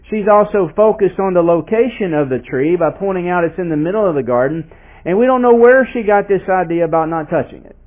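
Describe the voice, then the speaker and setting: A man's voice: high-pitched, brisk. A man preaching an expository sermon in a conversational way, asking his listeners questions and reading scripture aloud with emphasis. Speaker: pastor. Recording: tinny phone-like sound.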